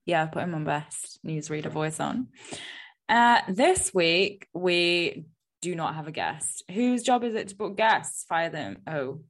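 A woman hosting a podcast with a voice that sits a little low. She chats casually and pokes fun at herself, scattering ums as she goes. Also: animated, takes it slowly. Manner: chatty, self-deprecating, filler-heavy. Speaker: podcast host. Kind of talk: casual chat.

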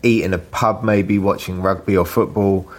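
A man's voice: low-pitched, moderate pace. A man, a chef, chatting casually in an interview with lots of fillers and tag questions. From Britain. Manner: relaxed, rambling, with frequent fillers and tag questions. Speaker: chef and cookbook author.

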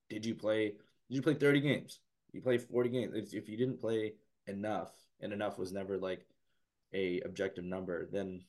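A man co-hosting a casual basketball podcast, talking in a halting way with many restarts while losing his voice. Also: deep voice, a little mellow. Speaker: podcast co-host. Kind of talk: casual sports talk.

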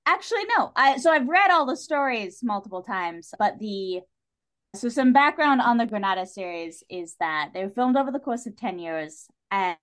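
As a guest on a podcast, a woman tells stories animatedly in casual discussion, packing in "like" and acting out reactions. Her voice is a little high, at a moderate pace.

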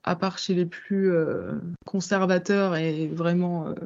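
A woman's voice: fairly low pitch, fairly even intonation, unhurried, a little mellow. A woman in her twenties talking as a guest on a casual podcast, thoughtful with frequent hesitations. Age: 20s. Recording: slightly muffled audio.

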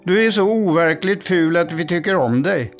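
A man's voice: sits high, lively intonation, soft background music, voice pushed up. A man reading aloud, voicing a pair of cheery young geese who talk in a chummy, slangy way.

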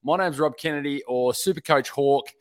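A man's voice: on the high side, normal speed. An Australian man co-hosting a sports podcast in casual, chatty style. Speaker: podcast co-host.

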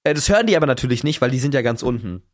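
A young man co-hosting a podcast, telling a story in casual chat, animated and swearing freely. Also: mid-range voice, racing. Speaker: podcast co-host.

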